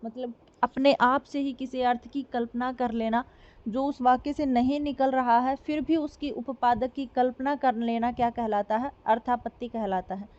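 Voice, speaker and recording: A woman teacher giving an explanatory lecture, asking questions and answering them herself, repeating examples slowly. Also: fairly high pitch, fairly even intonation, a little mellow. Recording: dull lo-fi recording.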